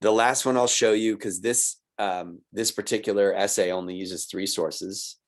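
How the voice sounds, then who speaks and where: The speaker, a man with a lowish, steady voice at a moderate pace, teaches college writing in a recorded online lesson, explaining patiently, letting out small laughs, and checking in with "right?" and "okay?".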